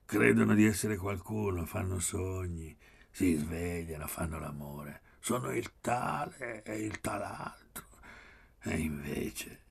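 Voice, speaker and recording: A man voicing a languid, soft-spoken rich young man who mocks gently, in a hushed, slow half-whisper. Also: deep voice, gravelly, breathy edge, exaggerated voice. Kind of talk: audiobook character voice.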